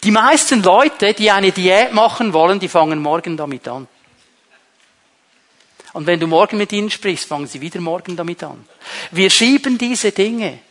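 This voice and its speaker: A man's voice: high-pitched, animated, moderate pace, fairly bright tone. A man preaching a sermon to a congregation, emphatic and repeating key phrases. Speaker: pastor. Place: church.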